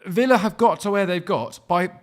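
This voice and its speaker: A young man ranting animatedly as co-host in a football debate chat. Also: high-pitched. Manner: ranting, animated, quick asides. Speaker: podcast co-host.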